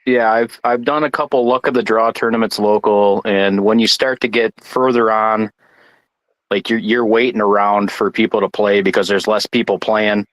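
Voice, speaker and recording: Guy from michigan talking darts on a stream, lowish voice, stops and restarts a lot, dry close sound. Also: steady tone, dry recording, rough recording. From Michigan, United States. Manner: halting, many restarts and fillers. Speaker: guest darts player. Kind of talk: casual chat.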